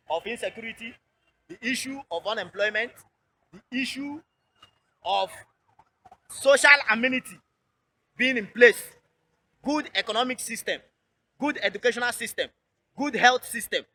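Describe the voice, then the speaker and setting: Impassioned Nigerian man, high bright voice. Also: moderate pace, pauses often, breathy edge. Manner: impassioned, emphatic, repeats key phrases. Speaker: interviewee. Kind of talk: roadside street interview. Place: outdoors by a road.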